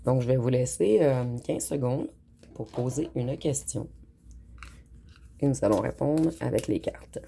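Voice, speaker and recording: A woman giving a calm, unhurried tarot card reading, speaking directly to her viewers. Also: very deep voice, vocal fry, a little hiss or hum. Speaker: tarot reader.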